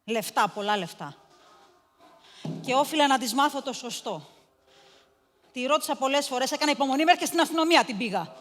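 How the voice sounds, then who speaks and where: An actress playing a cruel, domineering mistress of a house, cold and contemptuous, breaking into shouts, in a stage monologue. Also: female voice, sits high, expressive, long pauses, long reverb tail, faint music behind. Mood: scornful.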